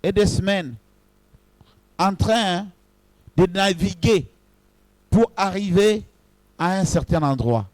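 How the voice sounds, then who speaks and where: High-voiced man preaching a sermon. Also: darkish tone, no echo. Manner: preaching with short phrases and pauses; addresses the congregation directly. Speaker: pastor.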